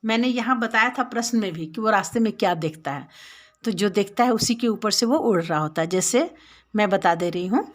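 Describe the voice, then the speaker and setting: A woman's voice: medium pitch, fairly quick. A woman with an Indian accent teaching a lesson to young children, patiently explaining step by step and repeating words. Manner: addresses the children directly.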